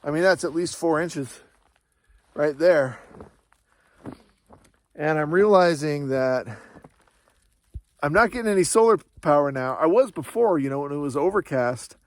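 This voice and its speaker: A man's voice: on the high side, animated, measured pace, pauses often. Breathless man vlogging outdoors in snow. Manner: chatty, talks to his dog between remarks. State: out of breath from the cold. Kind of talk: casual vlog chat to camera. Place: outdoors in snowy mountains beside a travel trailer. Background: dog nearby.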